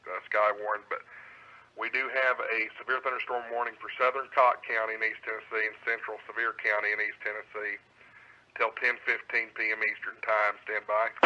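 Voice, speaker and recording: Ham radio net controller a man, low flat delivery, buzzy muffled radio sound. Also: a little fast, slight background noise. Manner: steady, methodical, with frequent fillers. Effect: buzzy band-limited radio transmission. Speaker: weather net control operator. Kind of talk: reading weather warnings over a ham radio net.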